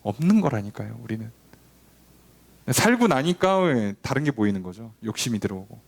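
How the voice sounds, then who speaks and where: A pastor with a gravelly, medium-pitched voice leads a Bible study at normal speed, very animated throughout. Talking with the congregation conversationally, he asks questions and acts out dialogue between God and people.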